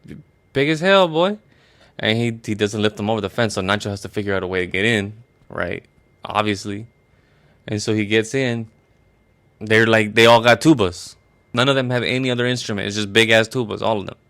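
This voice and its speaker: A man casually retelling a story in a rambling, profane, deadpan way, as a comedy bit. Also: on the low side, fairly quick.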